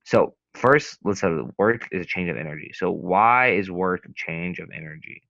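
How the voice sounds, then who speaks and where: A man's voice: sits low, moderate pace, creaky, pushed and bright, no echo. A young man tutoring a physics lesson in a casual, hesitant way, rambling with many restarts and fillers. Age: young adult. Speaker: student tutor. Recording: dull, lo-fi sound.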